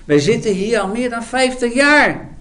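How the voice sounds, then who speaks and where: A preacher doing a sarcastic bystander, taunting, scornful, high male voice, sermon retelling. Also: very animated, moderate pace, fairly bright tone, heavily acted. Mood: mocking. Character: mocking exiled bystander, scornful man.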